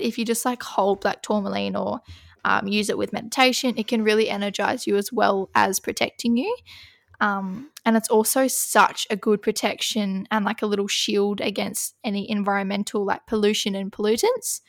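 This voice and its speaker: A woman chats casually as a podcast co-host. Her voice has a gravelly fry and sits at a middle pitch. The sound is dry and close, with no room around it. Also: dry recording. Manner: chatty, filler-heavy, many "like"s. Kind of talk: casual chat.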